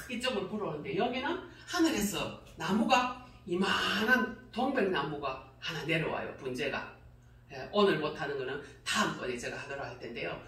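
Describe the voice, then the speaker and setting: Lady preacher telling her testimony, bright lively voice, booming church echo, sounds far from the mic. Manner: animated storytelling, laughs often while speaking. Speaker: pastor's wife giving testimony. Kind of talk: testimony sermon. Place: church sanctuary.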